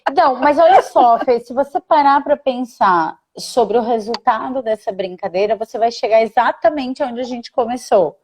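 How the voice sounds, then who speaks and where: A woman's voice: on the high side, moderate pace, hardly any pauses, a little mellow. A woman guest in a casual live conversation, enthusiastic and explanatory.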